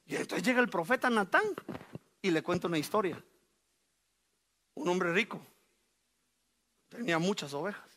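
Animated, bright-voiced male preacher. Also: high voice. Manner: animated, joking preacher who addresses the congregation directly. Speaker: pastor. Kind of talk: sermon. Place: church sanctuary.

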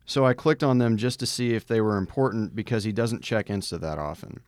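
Low-voiced man reading a story aloud. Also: a little fast, darkish tone, dry recording, clean studio sound. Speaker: podcast co-host.

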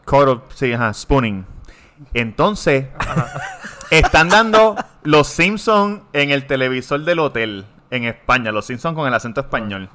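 Rowdy man, bright voice. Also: medium pitch, lively intonation, a little slow, slight background noise. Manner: laughs through his own stories, rowdy. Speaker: podcast co-host. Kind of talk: casual chat, telling a bawdy anecdote.

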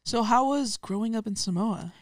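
A woman's voice: a little high, moderate pace, no echo, clean studio sound. A young woman interviewing a friend in a curious, informal, chatty way. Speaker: podcast interviewer. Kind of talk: casual chat interview.

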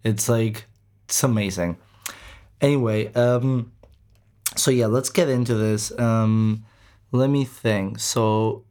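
A man's voice: on the low side, darkish tone. A man from Greece hosting a music show, chatting casually between songs in a rambling way, with lots of fillers and casual swearing. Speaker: radio show host.

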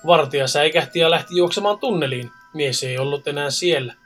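A man's voice: a little high, fairly bright tone, soft background music. A man co-hosting a casual podcast, reading stories and joking around with frequent swearing. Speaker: podcast co-host. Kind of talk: casual chat and story reading.

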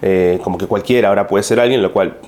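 Argentine male comic, lowish voice, chatty and rambling, casual story to camera. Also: fast talker. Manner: rambling, animated retelling with frequent fillers. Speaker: comedian.

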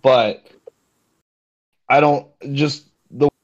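A man's voice: medium pitch, steady tone, drawn-out words. A man giving his views casually as a panelist in a sports discussion. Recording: dull, muffled lo-fi sound.

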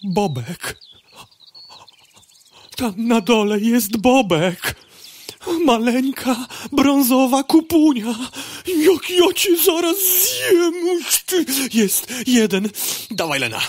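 A woman playing an excitable, hungry, whiny fly in a comic radio play, exclaiming and grumbling melodramatically. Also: a little high, takes it slowly, a little hiss or hum. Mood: greedy excitement. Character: hungry, whiny, excitable young female fly named Lena.

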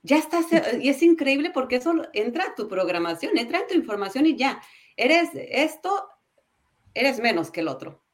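A woman talking in a podcast conversation, animated and halting, often repeating words. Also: high voice. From Mexico.

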